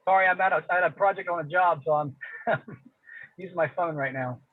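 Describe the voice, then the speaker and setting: A man's voice: high-pitched, fairly quick. A man speaking over a phone from a job site, joining a meeting as a board member, brief and a little apologetic. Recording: tinny phone line on a video call.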